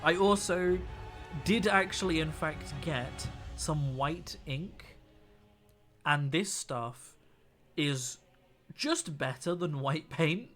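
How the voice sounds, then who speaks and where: A young man with a slightly high, fairly bright voice takes it slowly over soft background music while streaming his miniature painting. Tired after a week of talking, he rambles casually and keeps restarting sentences.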